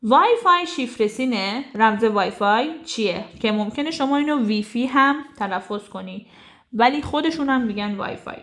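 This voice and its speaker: A woman teaching a casual language lesson. She says each phrase slowly, then explains it quickly and chattily. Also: a little high, animated, a bit bright.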